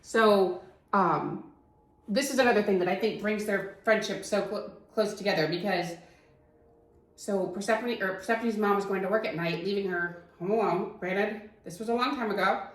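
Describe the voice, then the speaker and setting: A chatty woman co-hosting a podcast in a relaxed book discussion. Her voice sits at a middle pitch, and she asks questions and laughs along with her partner. The room around her is echoey. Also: moderate pace. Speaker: podcast co-host. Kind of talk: casual book-club chat.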